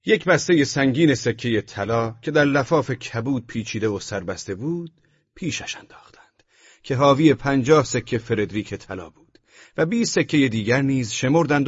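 A man narrating an audiobook novel in an expressive, storytelling way. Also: mid-range voice, husky, no room sound. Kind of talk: scripted narration. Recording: dull, dry studio recording.

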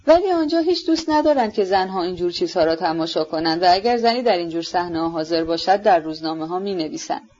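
A proud young woman answers with biting mockery, as a woman narrator reads her lines. The delivery is sharp and pointed. The recording sounds dull and lo-fi. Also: on the low side, close to an everyday voice. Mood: mocking. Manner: mocking, biting.

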